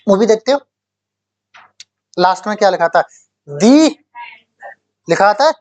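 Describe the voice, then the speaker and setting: A male English teacher giving a classroom lecture for exam prep. He explains slowly, repeats key words and keeps quizzing the class. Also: high-pitched, animated, darkish tone. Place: coaching classroom.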